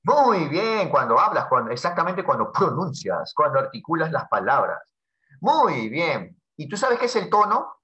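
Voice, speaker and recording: In a relaxed class, a man from Peru with a Peruvian Spanish accent banters with his student, peppering lines with tag questions. His voice is a little high and sing-song, with a sharp tone and moderate pace, captured on dull lo-fi audio.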